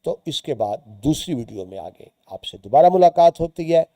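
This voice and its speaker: A man's voice: a little high, sing-song, normal speed, dark tone, dry recording. A man, teaching students by reading a short story aloud and explaining its words and lines as he goes.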